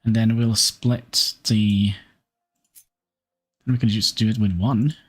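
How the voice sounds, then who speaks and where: A Norwegian streamer, whose first language is Norwegian, thinks aloud during live gameplay commentary. His voice is on the low side, steady and slightly rough, and he speaks haltingly with fillers over faint music.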